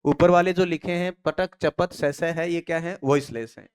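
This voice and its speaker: An English teacher from India leads a classroom pronunciation lecture in a smooth, slightly high voice, at a moderate pace with fairly even intonation. He quizzes his students, answers his own questions, and repeats the key phrases again and again.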